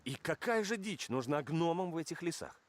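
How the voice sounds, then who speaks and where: An actor playing a noble, confident young paladin prince in a video game, proud and declamatory. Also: male voice, fairly high pitch, expressive, normal speed, natural voice. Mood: calm, assured. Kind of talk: heroic video game character lines.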